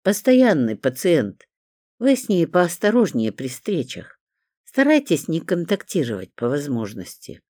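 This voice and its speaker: An audiobook reader voicing a weary middle-aged duty nurse who talks in a matter-of-fact, confiding way, in a lively, dry-sounding read. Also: medium pitch, measured pace, no echo. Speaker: hospital nurse. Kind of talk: audiobook character reading.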